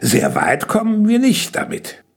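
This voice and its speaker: A man's voice: high voice, wildly swooping pitch, a little slow, vocal fry, slightly rough, voice pushed up, heavily acted. A man voicing a sensible young boy who answers earnestly and defends himself.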